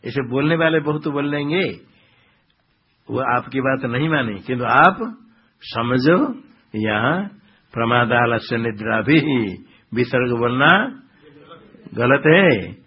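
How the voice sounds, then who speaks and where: Man, swami, Gita discourse, Sanskrit grammar lesson, quizzing style, husky voice, muffled lo-fi recording. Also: medium pitch. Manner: quizzing listeners, then answering himself. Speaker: swami teaching the Bhagavad Gita. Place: ashram hall. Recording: dull lo-fi lecture recording.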